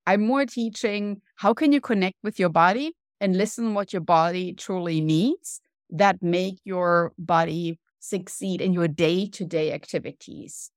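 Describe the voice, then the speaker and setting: A woman guest on a podcast, a wellness coach explaining her approach in an earnest way, slowing down to stress points. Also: lowish voice, no echo, clean studio sound. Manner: earnest, explanatory, slows down for emphasis. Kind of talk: podcast interview.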